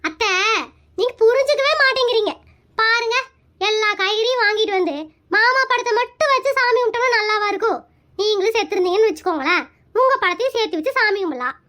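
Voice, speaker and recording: A woman's voice: very high-pitched, quick pace, pushed and bright. A woman voicing a cheeky young daughter-in-law in a cartoon skit, teasing and sarcastic.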